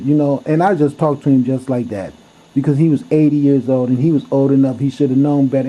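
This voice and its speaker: A man telling a story to camera in a blunt, heated way, cursing freely as he goes. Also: medium pitch. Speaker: vlogger. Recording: dull lo-fi recording.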